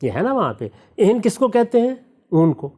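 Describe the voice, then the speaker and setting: A man, a religious scholar, explaining a subject step by step in a measured, teacherly way and reciting verses slowly as examples. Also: sits high, sing-song, darkish tone, breathy edge. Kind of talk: explanatory discussion answering questions.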